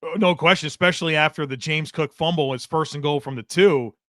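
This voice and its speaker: A man on a sports podcast, talking football in an excitable, emphatic casual way. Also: on the high side, fairly quick, no echo, clean studio sound. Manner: excitable, emphatic, says he is catching his breath.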